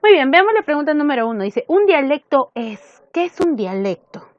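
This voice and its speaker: A woman's voice: sits high, big pitch swings, moderate pace, dry recording, lo-fi sound. A woman teacher with a Peruvian accent giving a recorded lesson, asking questions and answering them herself. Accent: Peruvian Spanish.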